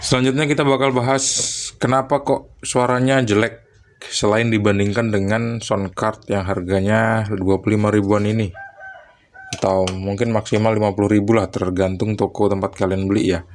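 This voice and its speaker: Chatty low-voiced man explaining gear. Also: steady tone. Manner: chatty, pauses to recall details, addresses viewers as guys. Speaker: electronics tech vlogger. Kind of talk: casual tech explainer.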